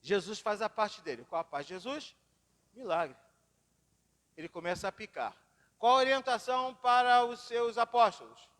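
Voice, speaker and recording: A man's voice: high-pitched, normal speed, fairly bright tone. A man preaching a sermon, telling personal stories with dramatic swings in his voice, recorded in a church hall. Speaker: pastor. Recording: long reverb of a church hall.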